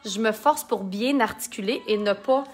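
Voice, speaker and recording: Her voice is mid-range and her speed normal. This Quebec woman, with a Québécois French accent, demonstrates makeup in a casual live tutorial, chatting, joking and reading out comments from viewers.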